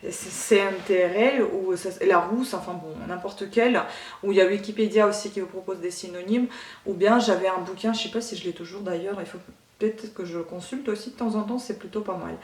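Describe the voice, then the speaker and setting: A woman's voice: mid-range voice, brisk, distant mic. A woman from Ukraine, chatting in a rambling, hesitant way as she reviews books in a casual vlog. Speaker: book vlogger. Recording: roomy room, voice set back from mic.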